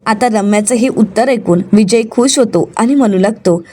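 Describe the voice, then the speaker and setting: A woman's voice: on the high side, moderate pace, dark tone, a little hiss or hum. A woman retelling a TV serial episode, narrating the scenes and reading the dialogue aloud. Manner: storytelling with acted dialogue.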